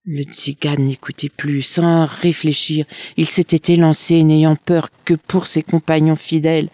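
A storyteller reading a fairy tale aloud in an expressive, unhurried way. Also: medium pitch, no room sound.

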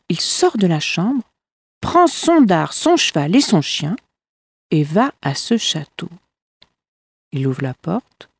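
A woman reading folk tales aloud in a measured, expressive storytelling manner. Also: lowish voice, dry recording, clean studio sound.

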